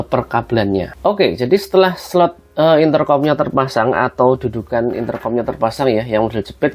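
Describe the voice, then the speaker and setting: A man with a Javanese-region Indonesian accent speaks in a medium-pitched, somewhat dark, husky voice. Like a product reviewer chatting with friends, he walks viewers through a casual hands-on tutorial while background music plays.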